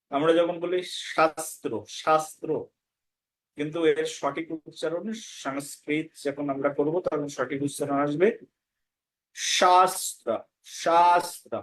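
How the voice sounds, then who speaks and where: A man teaching a scripture class, patiently repeating words to demonstrate correct pronunciation. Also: fairly high pitch. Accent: Bengali. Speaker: Gita course teacher. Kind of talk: pronunciation lesson.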